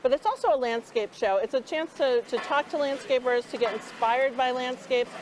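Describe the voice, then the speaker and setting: A woman's voice: sits high, moderate pace, slight background noise, poor audio. A woman event representative speaking conversationally in a news interview.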